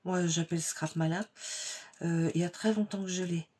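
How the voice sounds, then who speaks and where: A woman hosting a card-making tutorial at her home craft table, explaining each step in a chatty, unhurried way with many fillers. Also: on the low side, fairly even intonation, darkish tone, a little hiss or hum.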